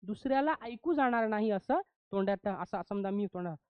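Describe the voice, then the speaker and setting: Higher-voiced male teacher. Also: lively intonation, moderate pace, smooth, dry recording. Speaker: English teacher. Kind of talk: classroom grammar lesson. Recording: dull, muffled lo-fi sound.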